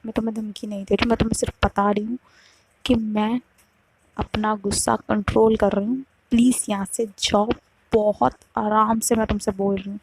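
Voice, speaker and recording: A woman's voice: mid-range voice, flat delivery, normal speed, darkish tone, husky, no echo. A woman voicing a young woman who is tired and bitterly cold in a storytime love drama. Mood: weary pleading. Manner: curt, pleading then cutting.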